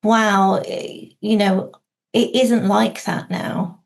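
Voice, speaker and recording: Appearing as a guest on a podcast, this outdoor learning specialist from Wales, a woman in her forties, reflects casually with plenty of fillers and restarts. She speaks slowly in a mid-range voice with fairly even intonation and vocal fry.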